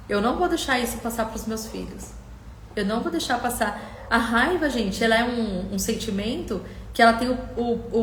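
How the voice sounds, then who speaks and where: A woman's voice: fairly high pitch, roomy sound, slight background noise. A middle-aged woman coach hosting a live stream, speaking passionately and directly to viewers and acting out their words. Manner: passionate, speaks straight to viewers, quotes them in acted voices. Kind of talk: emotional live coaching talk.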